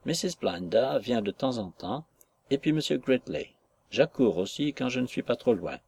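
A man's voice: medium pitch, lively intonation, normal speed, creaky, a little mellow, breathy edge. A man reading the part of a serious, brave young working girl in an audiobook, speaking politely and earnestly. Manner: earnest, polite and plain-spoken.

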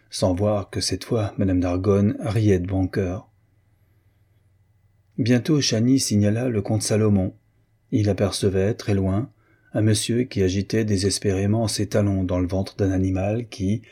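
A man narrating a novel in a measured, literary reading. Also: fairly low pitch, warm tone, breathy edge. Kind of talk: audiobook narration.

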